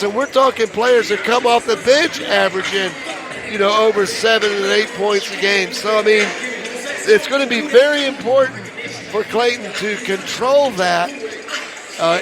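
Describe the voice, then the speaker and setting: A man giving conversational pregame basketball analysis as a color commentator, halting and repeating his phrases. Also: high-pitched, a crowd in the background. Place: gymnasium. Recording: clear gym background noise.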